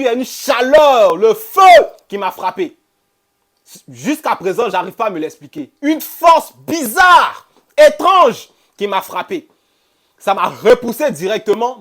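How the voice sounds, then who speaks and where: A man telling a true-life story casually, quoting other people's words and repeating phrases for effect. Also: high-pitched. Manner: animated, repeats phrases, quotes others in dialogue. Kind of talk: casual first-person storytelling.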